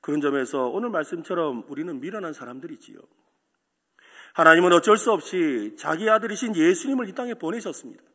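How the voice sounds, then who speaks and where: A pastor whose voice is slightly high and fairly bright preaches at a quick pace with lively intonation, his words echoing through a church hall with long reverb. During the sermon he tells a story and asks the congregation questions.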